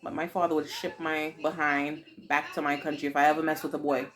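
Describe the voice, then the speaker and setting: A woman in her forties with a Haitian accent, answering her daughter's questions in casual, expressive chat full of dramatic exclamations. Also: low-pitched, a little fast, slight background noise. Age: 40s.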